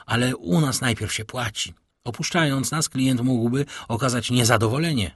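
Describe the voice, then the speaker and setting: A man's voice: mid-range voice, moderate pace, a bit bright, slightly rough, no echo, studio quality. A man voicing a mock-polite, fawning male bandit jailer who talks in a sugary, teasing way.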